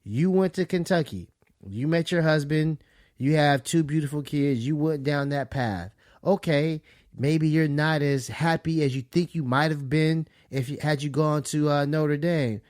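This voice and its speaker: A man co-hosting a podcast, giving calm, reasoned advice in a casual way. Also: on the high side, a little slow, no room sound, studio quality. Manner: calm, reasoning advice with "you know what I'm saying". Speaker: podcast co-host.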